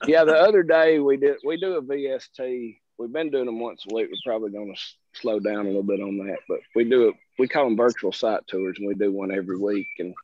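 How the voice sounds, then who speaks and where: A man's voice: medium pitch, fast talker, few pauses. A middle-aged man with a Southern American accent, folksy and self-deprecating, chatting casually as a guest presenter on a video call. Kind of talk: casual chat. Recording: muffled video-call audio, faint hiss.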